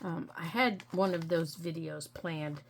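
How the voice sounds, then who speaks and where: Middle-aged woman, patient craft tutor, slow and low-voiced, gentle with filler ums. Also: steady tone, gravelly, a little hiss or hum. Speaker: crafting channel host.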